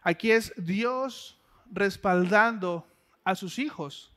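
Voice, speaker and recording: A man's voice: high voice, slow, sharp tone. A man preaching a sermon in a conversational way, asking the listener direct questions.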